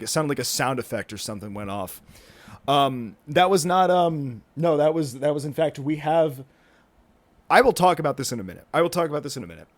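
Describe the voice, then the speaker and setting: A man in his twenties hosts a solo podcast indoors as a thunderstorm rolls in outside. His voice is medium-pitched. He rambles casually and interrupts himself, with lots of fillers and restarts, swears now and then, and says "dude" and "bro."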